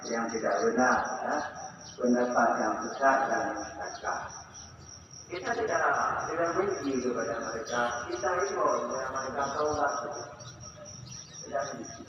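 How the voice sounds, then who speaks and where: A man's voice: mid-range voice, moderate pace, noisy background. A man giving a sermon in a large mosque hall, quoting Arabic verses and translating them. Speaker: preacher. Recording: echoey hall from far off, dull.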